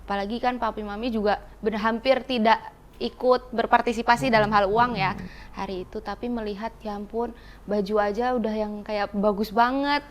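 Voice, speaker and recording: A woman's voice: fairly high pitch, fairly even intonation, moderate pace. A woman guest in an interview, earnestly telling her story and repeating words for emphasis. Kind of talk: testimony in an interview.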